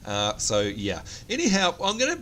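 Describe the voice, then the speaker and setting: Sick with a cold, this New Zealand man narrates his gameplay in a casual, chatty, self-mocking style. His voice is a little high and pushed, bright, with huge swings in pitch at a moderate pace, over a faint hiss or hum.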